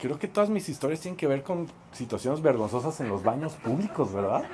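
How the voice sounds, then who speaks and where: A man with a Mexican accent preaches in a storytelling sermon, lively and self-mocking, acting out the voices in his story. His voice sits in a middle pitch. A faint background noise runs under the recording. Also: a little fast.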